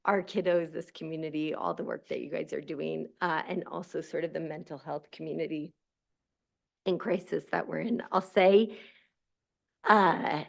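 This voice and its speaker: A nervous woman in her forties with a shaky voice, giving a halting public comment at a school board meeting, full of fillers and restarts. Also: sits low, steady tone, creaky. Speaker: public commenter, social worker and mother.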